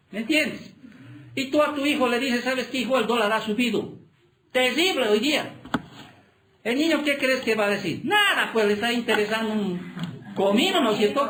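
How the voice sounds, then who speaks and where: High-voiced preaching man in echoey hall. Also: a bit bright, slight background noise. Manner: preaching with many rhetorical questions to the congregation. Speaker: pastor. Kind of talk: sermon. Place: church hall.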